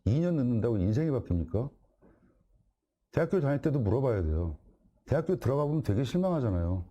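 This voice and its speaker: A man with a warm, mellow voice speaks to a room of parents in a storytelling talk. His pitch swings up and down a lot as he jokes and fires rhetorical questions at them. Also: sing-song, fast. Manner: acts out dialogues, jokey and direct. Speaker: guest speaker at a parents' event.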